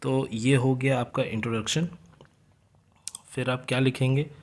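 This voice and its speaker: A young man teaching from study notes in a casual lecture style, explaining at a conversational pace and slowing down to read English lines. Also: mid-range voice, steady tone.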